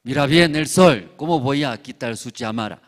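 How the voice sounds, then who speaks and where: A man voicing a boastful, proud cloud that turns angry, with louder, higher lines, in a reverberant hall. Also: moderate pace, natural voice.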